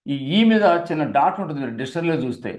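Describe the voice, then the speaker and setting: An older man with an Indian English accent teaches an exam-prep English class in a fairly high voice. He spells words letter by letter and repeats them slowly for pronunciation drill. The room gives his voice a clear echo. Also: lively intonation, darkish tone.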